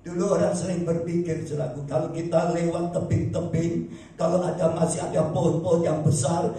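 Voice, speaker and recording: A man preaching a sermon as pastor, dramatic and repetitive, acting out shouts from his stories. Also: on the high side, level tone, a little fast. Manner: dramatic preaching, repeats "saudaraku", acts out shouts. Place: church hall. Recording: very echoey hall, voice from far off.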